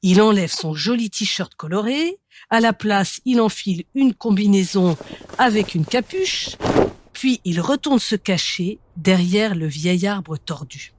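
A woman reading a children's story aloud in a gentle, measured way. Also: mid-range voice, lively intonation, slight background noise.

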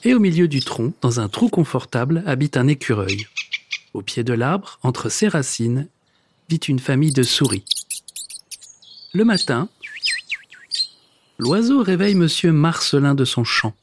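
A man narrating a children's story in a lively, expressive reading with playful sound words. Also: medium pitch, unhurried, long pauses. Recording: background noise.

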